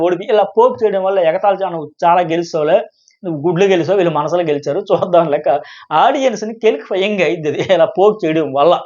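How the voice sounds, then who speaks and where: A high-pitched man with a Telugu accent rattles through a reality-show review at a rapid clip. He acts out the contestants' lines in quick, animated bursts. The sound is dull and lo-fi. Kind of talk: fast commentary retelling a reality show.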